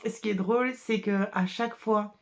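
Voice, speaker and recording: Woman, regional French accent, chatty, laughs a lot, slightly gravelly voice. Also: mid-range voice, fairly even intonation, normal speed. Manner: chatty and warm about her craft, laughs often. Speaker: hand-dyer and shop owner hosting a podcast. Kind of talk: casual chat.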